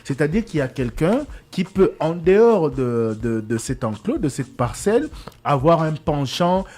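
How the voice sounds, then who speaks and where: A man's voice: fairly high pitch, sing-song, moderate pace, darkish tone. Radio journalist man. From Congo. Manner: explanatory, mixes in Lingala phrases. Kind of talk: radio debate.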